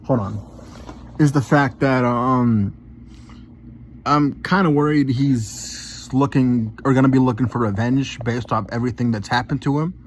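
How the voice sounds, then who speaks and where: Reacting casually for a gaming channel, a man rambles, says things more than once, curses, and keeps closing phrases with "man." He has a medium pitch and fairly even intonation, speaks unhurriedly, and there's slight noise in the background.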